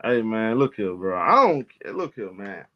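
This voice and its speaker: A man's voice: fairly low pitch, sing-song, moderate pace, muffled recording. A man hosting a casual sports talk live stream, loose and argumentative, talking back to his chat in slang.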